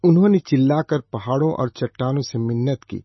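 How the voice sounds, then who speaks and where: Husky man reading scripture solemnly. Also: mid-range voice, no echo. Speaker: scripture reader. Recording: dull, slightly lo-fi dry recording.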